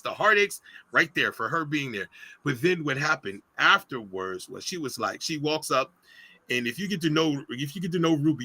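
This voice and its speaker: A man's voice: mid-range voice, bright, forceful tone, no room sound, low-quality recording. A middle-aged man guest on a podcast, telling a personal story in a casual, emotional way, with many restarts and acted quotes. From United States. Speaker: podcast guest, business founder.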